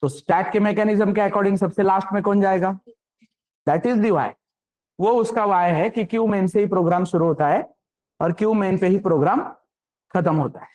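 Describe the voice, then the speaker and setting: A man's voice: high-pitched, a little mellow. A man giving a programming lecture, often stopping to ask if the class understands. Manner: keeps checking understanding with quick questions. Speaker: programming instructor.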